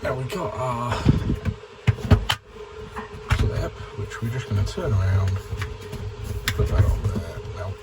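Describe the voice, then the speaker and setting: A man's voice: medium pitch, expressive, slow, pauses often. Under-the-weather British man muttering through jobs over noise. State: unwell, runny nose. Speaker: plumber filming his jobs. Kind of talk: casual work vlog, talking through tasks. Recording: noisy, clicks and vehicle sounds.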